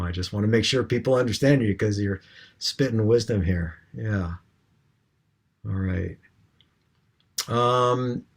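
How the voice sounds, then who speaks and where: A man co-hosting a casual discussion, talking with many hesitant restarts and fillers. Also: fairly low pitch. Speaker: co-host.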